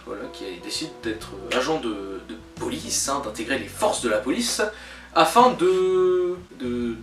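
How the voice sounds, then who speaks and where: A man's voice: on the high side, fairly bright tone, distant mic. Hesitant man reviewing a film. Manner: hesitant, many "euh" fillers and self-corrections; joking asides. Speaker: film reviewer, channel host. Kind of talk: casual spoken film review. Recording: roomy echo, voice a bit off-mic, faint music behind.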